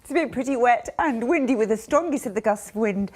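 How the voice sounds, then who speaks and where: Lively British woman, high giggly voice. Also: brisk. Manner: suppressing giggles as she talks. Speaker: TV weather presenter. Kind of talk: studio weather forecast. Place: TV studio.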